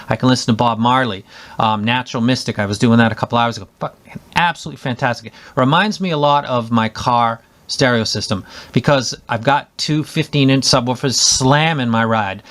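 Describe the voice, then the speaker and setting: A man's voice: medium pitch, a bit bright. A man giving a casual spoken headphone review, enthusiastic and rambling, with many restarts and fillers.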